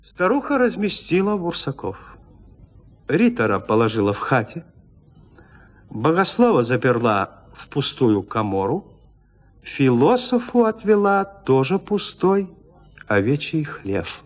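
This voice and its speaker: A man narrates classic literature as an audio drama, telling the story in a measured, expressive way. His voice is a little high.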